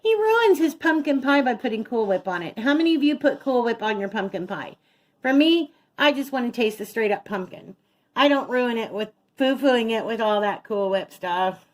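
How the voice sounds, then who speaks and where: In her home kitchen, a middle-aged woman hosts a cooking vlog, chatting casually as she walks through each step. Her voice is a little high and expressive, and she keeps a moderate pace.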